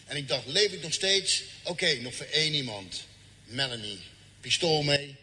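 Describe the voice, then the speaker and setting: A man telling a dramatic personal testimony, acting out the dialogue and slowing down for emphasis. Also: on the high side, pushed and bright, breathy edge. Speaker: speaker giving a personal testimony. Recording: faint ambience, long reverb.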